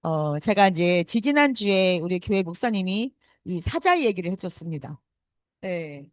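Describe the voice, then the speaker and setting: Woman motivational speaker, super animated, dry close sound, keeps going "ne" and asking the crowd stuff. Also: lowish voice, a little slow, no echo. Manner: frequent affirming fillers and rhetorical questions to the audience; emphatic and urging. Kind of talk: motivational talk to an audience.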